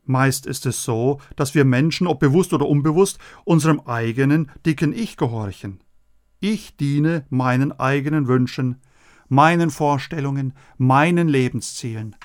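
A man giving a scripted radio sermon, earnest and measured, speaking straight to the listeners. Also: medium pitch. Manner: earnest, measured preaching, addressing listeners directly. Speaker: radio preacher.

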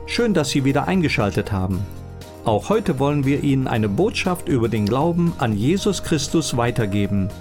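Lively male radio announcer over faint music. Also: mid-range voice. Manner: friendly, formal welcome.

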